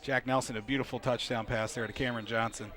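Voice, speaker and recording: A man's voice: medium pitch, steady tone, fast talker, fairly bright tone. A man working as a color commentator, analyzing football plays and replays. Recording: crowd noise at outdoor stadium.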